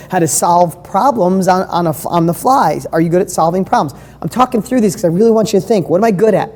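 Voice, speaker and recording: A woman's voice: fairly low pitch, mellow. A woman coaching a live online training session, talking in an enthusiastic, conversational way and firing questions at her audience. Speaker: business coach. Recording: long hall reverb.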